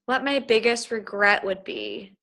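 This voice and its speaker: A woman appears as the featured guest on a video call, answering questions from the team in casual chat. Her fairly high voice is bright and forceful, a little slow, gushing and effusive, with many fillers and restarts. The audio quality is poor.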